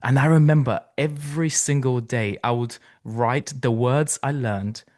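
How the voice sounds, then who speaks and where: A male podcast host, reflective and curious as he asks probing questions. His voice sits in a mid range, and he speaks at an even conversational pace. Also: medium pitch, unhurried. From Bulgaria. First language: Bulgarian. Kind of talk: interview conversation.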